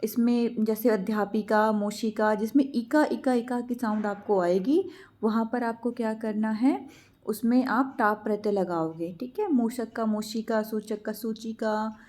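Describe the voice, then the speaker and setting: A woman teacher explains exam answers in a patient, step-by-step way. She poses questions and then answers them herself. Her voice is slightly high but mellow and soft. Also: unhurried. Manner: patient, asks and answers her own questions, calls students "beta".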